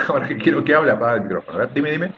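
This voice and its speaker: Male teacher on a lo-fi video call, animated delivery, patient and lightly teasing with students. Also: medium pitch, rapid-fire, a little hiss or hum. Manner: patient, drawing out words to stress syllables. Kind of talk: online class instruction. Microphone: computer mic on a video call. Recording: muffled lo-fi video call audio.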